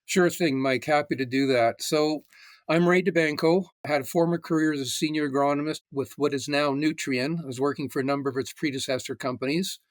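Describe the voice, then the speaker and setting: A Canadian man in his sixties, a retired agronomist, explaining things in a measured way as a podcast guest. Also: a little high, fairly even intonation, dry recording. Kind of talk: casual interview.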